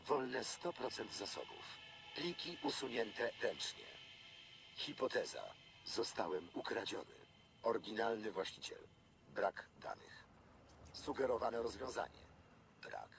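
An actor voicing a talking smart gun with a gravelly, flat machine-like manner in a video game, with faint noise behind. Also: male voice, fairly low pitch, slow, heavily acted. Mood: deadpan. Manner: monotone machine-like delivery, repeats louder.

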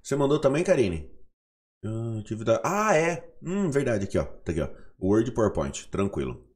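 A man's voice: mid-range voice, very animated, normal speed. Sleepy, playful Brazilian man teaching live. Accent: Brazilian Portuguese. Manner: playful, chatty, greets viewers by name. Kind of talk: casual live online class.

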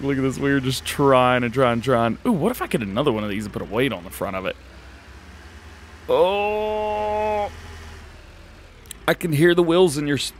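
A man's voice: mid-range voice, slight background noise. A man hosting a farming game let's-play, chatting upbeat with laughs and self-corrections. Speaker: gaming channel host.

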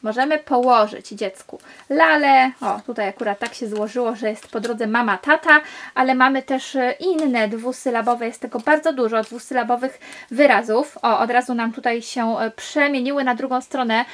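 A woman's voice: a little high, moderate pace, fairly bright tone. Enthusiastic woman reviewing a board game. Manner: enthusiastic, explains step by step while handling pieces.

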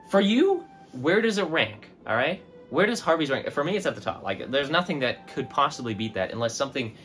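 A man giving an opinionated food rant as a vlogger. He talks emphatically and keeps tagging his points with "right?" and "okay?". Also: medium pitch. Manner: emphatic, animated, tags lines with "right?" and "okay?".

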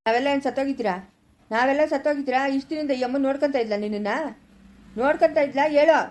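A woman's voice: high voice, rapid-fire, darkish tone, lightly acted. A woman playing a stern, dismissive male village healer, speaking blunt in an amateur village drama. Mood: scolding. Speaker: village pandit in a home-made drama.

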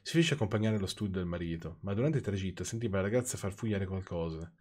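A man's voice: low voice, expressive, fast talker, darkish tone. A man with an Italian accent reading viewers' stories aloud, breaking off for dry, sarcastic asides. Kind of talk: reading aloud with off-the-cuff commentary.

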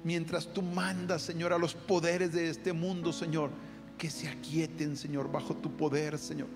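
Leading a fervent prayer, a man with a fairly high pitch keeps a level tone and normal speed, calling on the Lord after nearly every line. Soft guitar accompanies him, and the audio has a long, hall-like reverb.

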